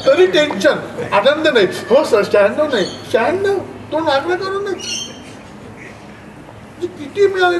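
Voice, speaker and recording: A man giving a lively talk to parents at a school, acting out parents and children as he tells stories. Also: very high-pitched. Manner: lively storytelling, acts out parents' and children's voices. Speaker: education speaker. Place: school hall. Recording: distant mic with clear background noise.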